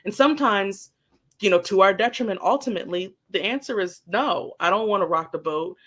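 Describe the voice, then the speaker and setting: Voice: mid-range voice, a little fast. A guest telling a personal work story candidly and animatedly, swearing casually. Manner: animated, acts out quoted dialogue, swears casually.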